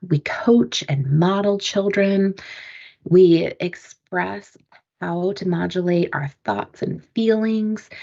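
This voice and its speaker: A woman presents a webinar in a calm, explanatory way, her voice low-pitched with a gravelly, husky edge. The computer mic gives the sound a dull, lo-fi feel.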